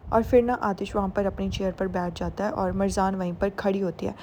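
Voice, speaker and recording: A woman's voice: mid-range voice, fairly even intonation, a little fast, a little mellow, slight background noise. A young woman casually retelling the scenes of a drama series in a chatty, informal way, with fillers and English words mixed in. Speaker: series recap narrator. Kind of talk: casual spoken story recap.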